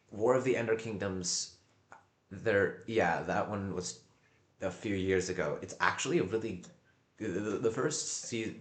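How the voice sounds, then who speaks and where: A man with a deep, low voice talks casually on a livestream in an echoey room. He rambles in a halting way, doubling back on words and pausing to find the next one. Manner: halting, often repeating and searching for words.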